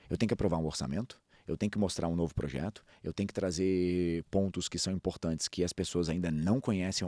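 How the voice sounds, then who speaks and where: A man who speaks and coaches public speaking, talking in a storytelling way, with lively jumps in pitch and pace. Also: no echo, studio quality. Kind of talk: podcast talk on public speaking.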